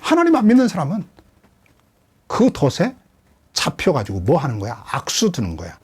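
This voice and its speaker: A man's voice: a little high, moderate pace, husky. A man preaching an expository sermon as a pastor, questioning his listeners and acting out quoted lines. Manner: lively, questioning the congregation, dramatic quoted voices.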